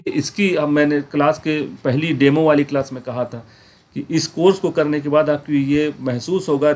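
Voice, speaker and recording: Slightly high-voiced man teaching a class. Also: a little mellow. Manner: explains patiently, asks students rhetorical check-in questions; repeats words slowly to demonstrate pronunciation. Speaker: Quran and Arabic grammar teacher. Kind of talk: online class lecture.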